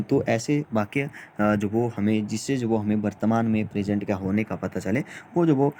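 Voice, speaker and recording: A man gives a grammar lesson in a dark, mellow voice, talking informally and circling back over the same phrases. He pauses often on fillers as he explains. Faint noise hums behind him. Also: on the low side. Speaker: teacher.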